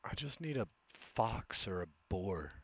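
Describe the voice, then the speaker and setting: A man with a somewhat low smoker's voice chats casually over a game stream. He talks slowly, rambling and hesitating with self-deprecating asides. The recording is dry and a little dull. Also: very animated, vocal fry, slightly rough. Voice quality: smoker's voice with occasional cough. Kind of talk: casual live gameplay chat.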